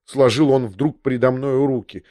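A man reading an audiobook as its narrator, with a measured, even delivery of literary prose. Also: medium pitch, no echo, studio quality.

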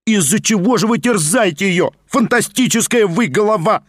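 A feverish young nobleman rattles on in a raised, quick, needling voice, as a male reader puts him on. He talks over everyone, insistent and fussy, recorded close and dry in a storybook reading. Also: a little high, animated, dry recording. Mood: frantic. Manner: chattering, rapid and insistent.

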